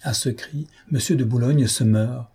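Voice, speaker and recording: A man narrating an audiobook novel in a measured, dramatic reading style. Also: medium pitch, warm tone, breathy edge. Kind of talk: scripted narration.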